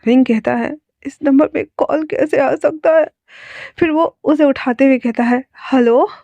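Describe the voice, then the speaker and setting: Brief: woman storyteller, higher voice, chatty asides, dull lo-fi sound. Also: darkish tone, no room sound. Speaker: fan fiction narrator. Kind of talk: casual story narration. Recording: dull lo-fi dry recording.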